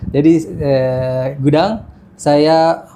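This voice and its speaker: A man's voice: a little high, fairly even intonation, extremely slow, dark tone. A man in his thirties, a podcast guest telling his life story in casual chat, with many fillers and restarts. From Jakarta, Indonesia. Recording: faint background noise.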